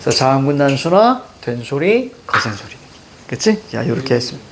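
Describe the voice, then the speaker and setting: A man's voice: mid-range voice, big pitch swings, a little fast. A man teaching a classroom grammar lesson, walking through pronunciation rules step by step.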